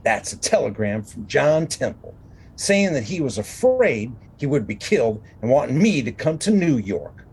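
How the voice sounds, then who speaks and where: A woman doing a gravelly drawling Western sheriff. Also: a bass voice, sing-song, normal speed, a little mellow, voice pushed down, full character voice. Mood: matter-of-fact. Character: gruff laconic male Western sheriff, middle-aged. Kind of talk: radio drama acting.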